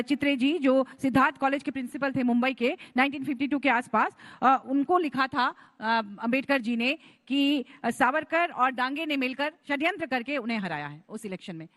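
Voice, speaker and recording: A woman's voice: sits high, a bit bright. A woman speaking on a TV debate panel, hesitant with many filler sounds. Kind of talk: TV debate argument.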